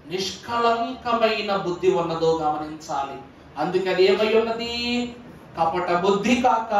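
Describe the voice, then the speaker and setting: A pastor delivers a Sunday sermon in a strikingly high voice, firing rhetorical questions at his congregation and asking whether they understand. He is picked up from a distance in a big church hall with heavy echo and a faint hiss behind him. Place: church service. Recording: echoey church hall from far off.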